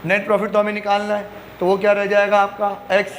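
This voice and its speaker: High-voiced man teaching accounting. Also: monotone, fast, slight background noise. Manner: asks questions and answers them himself; mixes English terms into Hindi speech. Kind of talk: classroom lecture.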